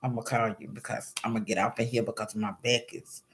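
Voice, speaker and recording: A man's voice: on the low side, flat delivery, fairly quick. A man talking casually to his viewers, telling personal stories in loose slang and laughing often. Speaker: vlogger. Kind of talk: casual storytelling monologue to viewers.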